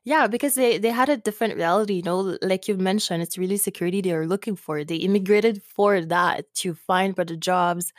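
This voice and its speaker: A woman's voice: mid-range voice, a little fast, hardly any pauses, no echo, studio quality. A woman hosting a podcast, interviewing a guest casually, friendly and agreeing, laughing along. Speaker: podcast host.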